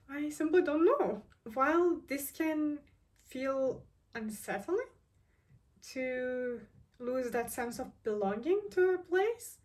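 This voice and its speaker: A twenty-three-year-old Turkish woman vlogs, talking earnestly to camera in a casual, reflective way and thinking aloud. Her voice is a little high and sounds far from the mic, and she says "like" a lot and restarts often.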